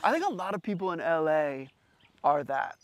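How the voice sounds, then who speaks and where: A man hosting a casual interview, mostly giving short, relaxed affirmations and questions. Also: a little high, moderate pace. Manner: relaxed, brief affirming replies. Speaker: host, musician.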